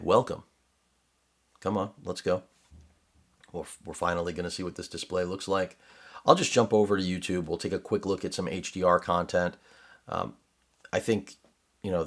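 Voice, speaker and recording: Middle-aged guy, super deep voice, rambling laptop review in his studio, sarcastic tangents. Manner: rambling, digressive, sarcastic asides. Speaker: tech reviewer. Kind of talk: casual unboxing commentary. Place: home studio with lights.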